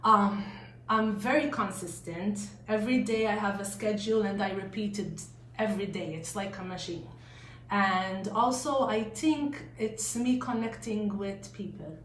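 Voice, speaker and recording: Woman, Maltese accent, unhurried pace, roomy echo, casual interview guest, hesitant starts. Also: mid-range voice, fairly bright tone. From Malta. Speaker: real estate agent, interview guest. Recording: echoey room, faint noise.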